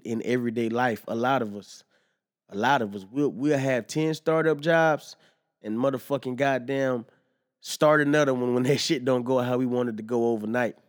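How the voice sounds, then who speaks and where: A young man talks through his podcast in a loose, rambling monologue. He is full of slang and swearing, and keeps circling back with "you know what I'm saying". His voice sits at an ordinary mid pitch. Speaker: podcast host. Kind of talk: casual monologue.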